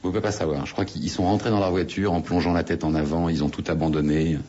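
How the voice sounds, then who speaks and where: A man with a low, slightly husky voice recounts a travel story as an interviewee. He talks in a loose, chatty way, pausing on fillers and restarting phrases. The sound is muffled and lo-fi, like an old radio broadcast. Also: fairly even intonation, dark tone. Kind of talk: relaxed anecdotal storytelling.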